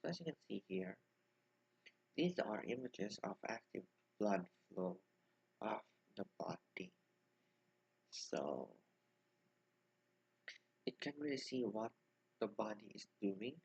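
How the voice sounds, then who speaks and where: Halting young man with a gravelly voice. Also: lowish voice, dry recording, poor audio. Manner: halting, full of restarts and fillers. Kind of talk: informal explanatory lesson.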